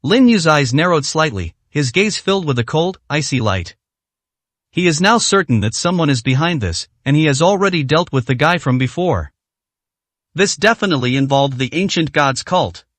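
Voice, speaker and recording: A man narrating a translated novel in a steady, plain reading style. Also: fairly high pitch, normal speed, dry recording. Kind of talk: storybook narration.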